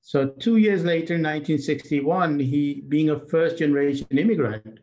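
An older man born in Pakistan and raised in Britain, telling his story as an interview guest over a video call, animated and chuckling between phrases. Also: on the high side, moderate pace, dull audio. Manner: animated, repeats words, laughs between phrases. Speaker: guest, chamber of commerce president.

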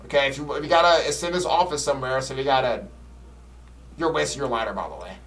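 The audio is poor and distant as a man talks at a quick pace while streaming a horror game. Casual and profane, he gripes bluntly in slang, switching between muttering and loud, high-pitched exclamations.

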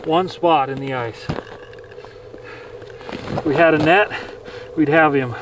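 A man's voice: on the high side, takes it slowly, far from the mic, background noise. A man hosting an outdoors video, talking on a frozen lake, exclaiming in disbelief and swearing as he lands a fish. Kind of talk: excited outdoor commentary.

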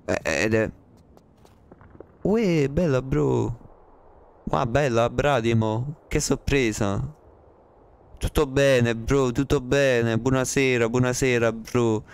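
Male streamer, mid-pitched smooth voice, joking slangy chat right on the mic. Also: slow, long pauses. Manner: playful, joking, slangy, repeats himself. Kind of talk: casual live-stream chat with viewers. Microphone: close to the mic.

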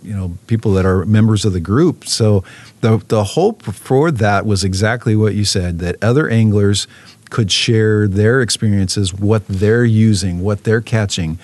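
A man's voice: fairly low pitch, measured pace, darkish tone. A man, a fishing program manager, talking casually in an interview, with many fillers and restarts.

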